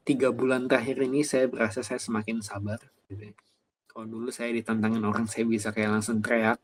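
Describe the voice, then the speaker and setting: Low-voiced man preaching casually. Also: a little hiss or hum. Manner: chatty, many fillers like gitu ya, personal anecdotes. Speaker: evangelist preacher. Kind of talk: casual conversational sermon.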